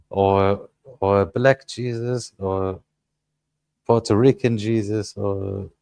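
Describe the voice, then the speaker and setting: A man, speaking English as an in a casual panel chat and often pausing to search for words. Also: lowish voice, steady tone, gravelly, a little mellow, dry recording. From Germany. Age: 30s. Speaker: panel guest.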